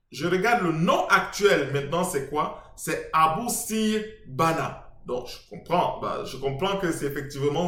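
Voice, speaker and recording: A man lectures in a stop-start, emphatic manner, leaning on fillers as he walks through transliterations. His voice sits a little high for a man. The recording has a roomy echo. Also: a bit bright. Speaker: self-taught lecturer. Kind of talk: explaining on-screen transliterations. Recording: echoey room.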